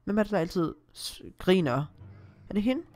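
A woman's voice: mid-range voice, big pitch swings, a little mellow. A woman with a Danish accent, chatting casually through her own gameplay as a Let's Play host, reading the screen aloud and exclaiming often.

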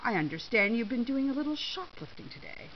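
A woman reading a story, voicing a pompous little male security manager in a lower, quieter official tone. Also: sing-song, brisk. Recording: slightly dull with faint hiss.

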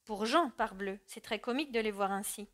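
A woman's voice: medium pitch, fairly quick, fairly bright tone, natural voice. A woman voicing a bitter, sneering young man who mocks cruelly in an audiobook. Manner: sarcastic, sneering.

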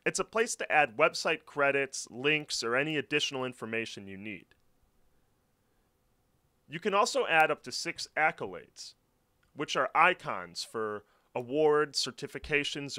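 This tutorial narrator has a medium-pitched, sharp voice with lively intonation and a moderate pace. Reading a script over a screen recording, he clearly walks through how to set up a website step by step.

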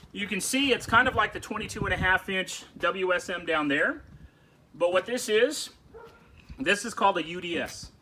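Middle-aged male host, upbeat and chatty, slightly high bright voice, recorded outdoors on a camera mic. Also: a little hiss or hum. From Texas. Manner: enthusiastic, chatty, directs his camera operator. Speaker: barbecue channel host. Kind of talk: casual backyard walkthrough. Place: backyard patio outdoors. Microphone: camera mic, filmed by a helper.

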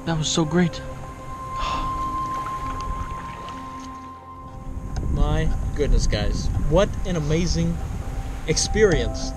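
Over loud music, a young man from Kansas by birth and Oklahoma by upbringing talks very slowly and expressively, leaving long pauses between breathless, awed exclamations that often go high. He's vlogging outdoors from a kayak on the open sea. The excited commentary is picked up by an action camera attached to the kayak.

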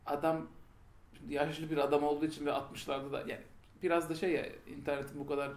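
A man's voice: on the high side, level tone, fast. A man co-hosting a casual film discussion, rambling and opinionated with jokes. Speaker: podcast co-host. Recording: echoey room.

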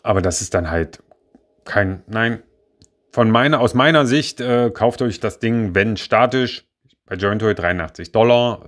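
A man's voice: sits low, a bit bright. A young man casually reviewing a toy car model, rambling with many fillers and self-corrections. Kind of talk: casual spoken product review.

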